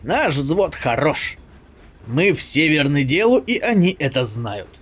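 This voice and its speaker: Male reader doing a raised-pitch, eager young woman soldier in a storybook. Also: sing-song, takes it slowly, fairly bright tone, breathy edge, exaggerated voice.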